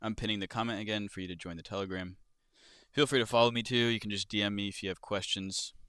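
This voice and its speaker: A man's voice: fairly low pitch, fairly even intonation, fast, a bit bright, clear, resonant tone, no room sound, studio quality. A young man chatting casually on a livestream, swearing freely and reading out viewer questions as he goes. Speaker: livestreamer and crypto trader.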